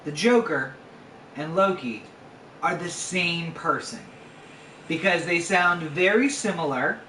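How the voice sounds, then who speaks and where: A man's voice: a little high, slow, bright, forceful tone. A man hosting a casual podcast at home, chatting and playfully arguing his points. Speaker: podcast host. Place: home room. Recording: roomy sound, distant mic, faint noise.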